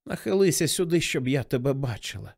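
A man voicing a dying old woman after a stroke, who talks in a hoarse, halting, pleading way. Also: mid-range voice, sing-song, a little mellow, exaggerated voice. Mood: whispering.

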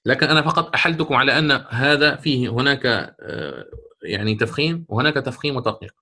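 A man teaching a lesson on Quran recitation rules, asking and answering his own questions and drawing out the recited words slowly. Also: mid-range voice, animated, sharp tone. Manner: stretches recited words drawn out.

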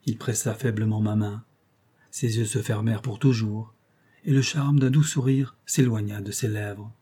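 A man reading a classic novel aloud as an audiobook narrator, in a measured, solemn way. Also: on the low side, fairly even intonation, mellow, slightly rough.

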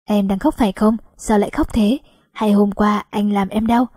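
A woman voicing a young male company chairman who asks gentle, worried questions, in an audiobook. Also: medium pitch, steady tone, normal speed, slightly rough, no echo, studio quality, natural voice.

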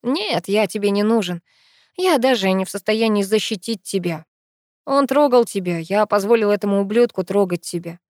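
A woman's voice: medium pitch, expressive, moderate pace, a little mellow, dry recording, clean studio sound, lightly acted. A woman voicing a drunk, sleepy young man who murmurs and doubts himself. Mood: sulking. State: drunk and drowsy.

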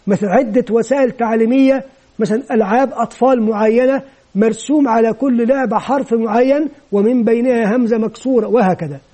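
A man with a very high-pitched voice that is also dark and mellow in tone. He lectures in a calm, methodical way, laying out each step of a classroom method in order. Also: husky. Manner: measured, methodical explaining. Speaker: teacher trainer. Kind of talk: explanatory lecture on teaching method.

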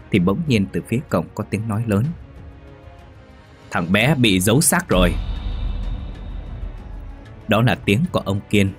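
A man reading a ghost story as narrator, steady and measured. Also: on the low side. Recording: faint music behind.

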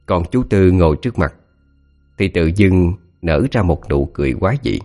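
A deep-voiced man narrates a scripted ghost story. His pitch moves in wide sweeps as he tells it, with faint music playing underneath. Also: moderate pace. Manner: dramatic, expressive storytelling.

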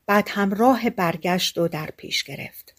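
A woman narrating a fairy-tale audiobook in a calm, colloquial storytelling manner. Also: medium pitch.

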